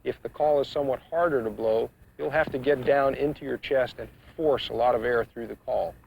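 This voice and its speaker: A man giving an instructional demonstration, explaining each step in a measured, practical way. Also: mid-range voice, gravelly, a little hiss or hum. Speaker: duck calling instructor. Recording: muffled, dull 1990s instructional video sound.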